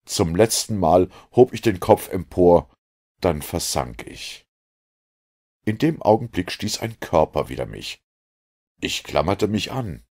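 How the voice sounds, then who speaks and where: A man reads an adventure story aloud in a low, husky voice. His delivery is dramatic and expressive, with a lot of rise and fall in his intonation. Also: slow pace. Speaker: audiobook narrator. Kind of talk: dramatic audiobook narration.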